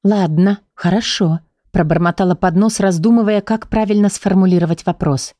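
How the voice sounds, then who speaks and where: A woman's voice: medium pitch, a little fast, mellow, no echo, clean studio sound. Woman reading a fantasy audiobook. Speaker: audiobook narrator. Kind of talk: first-person fantasy audiobook narration.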